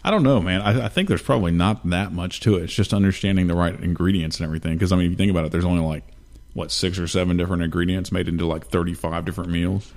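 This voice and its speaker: Deep-voiced easygoing man on a podcast. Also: racing, darkish tone. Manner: easygoing, profane, agreeable. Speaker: podcast co-host. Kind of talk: casual chat. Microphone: studio mic with headphones.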